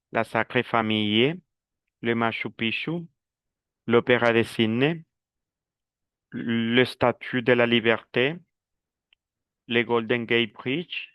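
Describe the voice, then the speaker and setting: A man teaching a beginner French class in Spanish, explaining slowly and mixing in French words. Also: medium pitch, smooth, no echo, lo-fi sound. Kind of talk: online language class.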